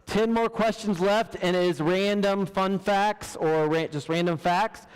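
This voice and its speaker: A man hosting a church trivia night, reading questions slowly, counting down and laughing at himself. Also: high-pitched, steady tone, clean tone. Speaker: trivia host. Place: church hall. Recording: large hall with long reverb.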